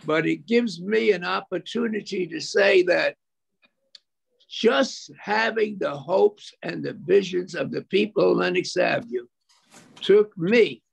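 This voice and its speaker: Gravelly older man giving a fiery speech. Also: high-pitched, unhurried. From United States. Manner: preacherly, rhetorical questions and repetition. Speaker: speaker at a memorial event. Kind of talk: impassioned speech. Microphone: video call.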